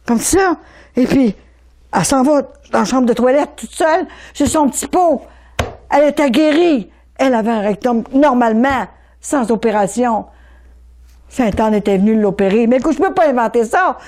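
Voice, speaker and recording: Older Québécois woman, mellow tone, emotional testimony, stumbles and repeats herself in animated bursts. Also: fairly high pitch. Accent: Québécois French. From Quebec. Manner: animated, repeats words, stammers in rushes. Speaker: speaker giving religious testimony.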